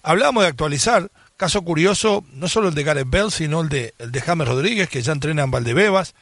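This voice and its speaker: A man hosts a sports call-in radio show with a fairly high voice. The sound is close and dry. He banters with callers, teasing and joking. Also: animated, quick pace, a bit bright, no echo.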